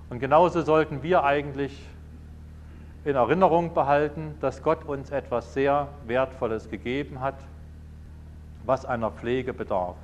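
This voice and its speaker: A man's voice: medium pitch, muffled recording, slight background noise. German man preaching on marriage. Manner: anecdotal, acts out dialogues in varied voices. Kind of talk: sermon.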